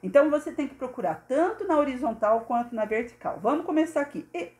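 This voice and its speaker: Brazilian woman, primary teacher, fairly high voice, patient and sing-song, echoey room. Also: expressive, darkish tone. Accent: Brazilian Portuguese. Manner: patient, sing-song, speaks of herself as "a Pro", sounds out syllables slowly. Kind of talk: recorded lesson for young pupils.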